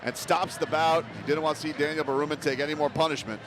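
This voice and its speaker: A man's voice: fairly high pitch, steady tone, fast talker. A man calling a boxing broadcast as play-by-play commentator, summing up and handing over. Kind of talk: live sports broadcast commentary.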